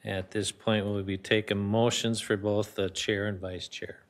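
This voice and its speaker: A man's voice: on the low side, little pitch movement, unhurried. A man from Minnesota chairing a parks commission meeting in a council chamber, plain and procedural with slight halts.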